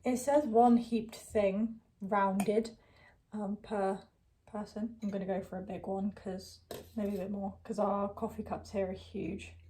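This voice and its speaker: A woman's voice: mid-range voice, little pitch movement, a little slow, mellow, a little hiss or hum, poor audio. A woman in her twenties chatting casually to camera for her vlog, thinking aloud as she goes. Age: 20s. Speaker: vlogger.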